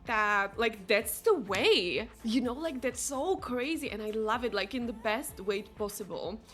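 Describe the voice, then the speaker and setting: A young Slovak woman, a non-native English speaker with a Slovak accent, chats casually with viewers while streaming a game, saying "like" a lot and reading their chat aloud. Her voice is a little high, animated, and a bit bright, with a measured pace. Faint game music plays behind her.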